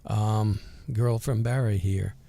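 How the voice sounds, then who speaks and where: A steady, lowish, creaky and dark voice comes from an older interview guest with a rural Vermont twang. He looks back on the past casually and hesitantly, in an unhurried, folksy manner.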